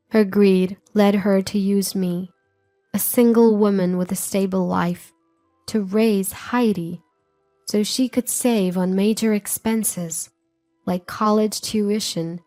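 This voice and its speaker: Slow, mellow woman narrating a story. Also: medium pitch. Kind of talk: scripted first-person story narration.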